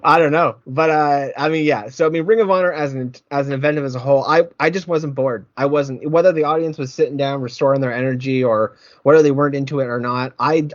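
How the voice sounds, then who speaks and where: A man's voice: mid-range voice, no echo, highs cut off. Rambling, heated podcast host man. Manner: rambling, repeats words, gets heated. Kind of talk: casual wrestling podcast chat.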